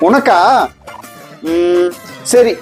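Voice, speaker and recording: A man's voice: extremely high pitch, very slow, loud music behind the voice. A man playing a son and husband in a family comedy skit, teasing and pleading by turns.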